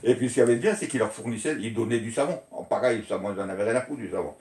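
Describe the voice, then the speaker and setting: A man's voice: mid-range voice, very fast, darkish tone. An older man casually recounting childhood memories, rambling and laughing often as he goes. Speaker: storyteller recalling childhood. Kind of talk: casual reminiscing. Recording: echoey room.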